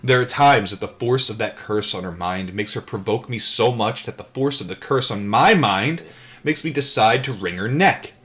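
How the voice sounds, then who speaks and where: At normal speed and in a lowish, slightly bright voice, a man reads a book aloud live. He keeps breaking off into loose, irreverent, off-the-cuff tangents between passages.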